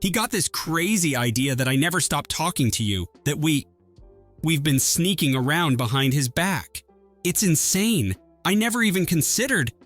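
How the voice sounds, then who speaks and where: A desperate young bride begs for help, her words rushed and tearful, as a male narrator puts her on. The voice sits well above his usual register and pushes a little louder, urgent and pleading. Soft music plays faintly beneath the story. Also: on the high side, lively intonation.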